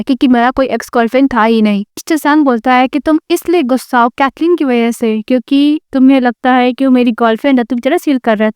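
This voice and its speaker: A woman retelling a drama's plot in a fast, steady storytelling voice, mixing in many English words. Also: high-pitched, smooth, no room sound, clean studio sound. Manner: rapid, even storytelling with many English loanwords. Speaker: drama recap narrator.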